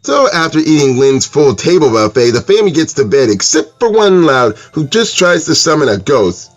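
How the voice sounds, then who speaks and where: A man's voice: on the high side, very animated, moderate pace, faint music behind. A man giving casual, sarcastic and profane commentary as a movie reviewer.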